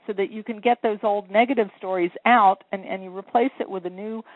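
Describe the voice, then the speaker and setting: A woman's voice: medium pitch, steady tone, fairly quick, no echo. A woman sales coach and author giving earnest, encouraging advice step by step in a phone interview. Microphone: telephone. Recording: tinny phone line.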